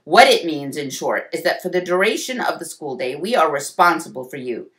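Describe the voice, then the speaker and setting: A woman's voice: sits low, animated, brisk, fairly bright tone. A woman voicing a huge, bald, stern male school principal who lectures, in a storybook read-aloud.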